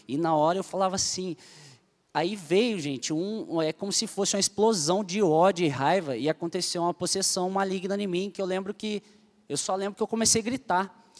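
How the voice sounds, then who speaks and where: Speaking in a large hall, a young church leader from Brazil recounts his personal testimony to the group with earnest, animated emotion. His voice sits high and moves a little fast.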